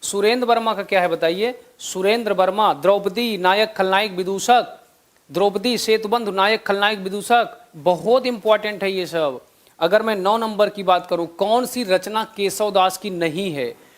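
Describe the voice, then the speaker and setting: A young man with a high voice teaches a live online exam-prep class. He quizzes his students, repeats each answer and drops chatty asides between questions. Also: normal speed.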